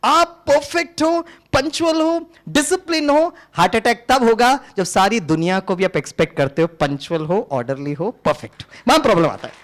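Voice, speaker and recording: A middle-aged man from Tamil Nadu, an engineering teacher giving a lively motivational talk to a live audience, switching between Hindi and English and acting out dialogues. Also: high voice, moderate pace, hardly any pauses. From Tamil Nadu, India. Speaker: engineering teacher and spiritual speaker.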